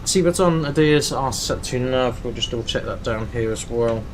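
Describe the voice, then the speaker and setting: A man's voice: medium pitch, normal speed, slight background noise, poor audio. A man giving casual running commentary to viewers as he flies a flight simulator. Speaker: streamer flying a flight simulator.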